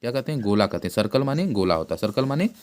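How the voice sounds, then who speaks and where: A man tutors one pupil in an informal math lesson at an ordinary middle pitch. He repeats every new term and quizzes the pupil with quick questions. His delivery is plain and chatty, with frequent restarts. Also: big pitch swings, a little mellow. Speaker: math teacher.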